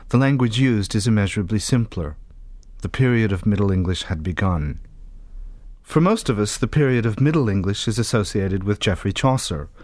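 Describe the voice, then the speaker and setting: A man giving scripted documentary narration in a measured, precise, explanatory way. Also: on the low side, a little mellow, no echo.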